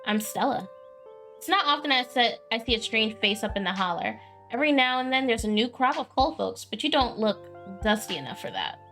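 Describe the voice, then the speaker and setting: Brief: friendly small-town young woman, folksy and wry, pitched a bit high, read by a woman gamer, soft music under. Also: sing-song, fairly quick. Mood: chatty.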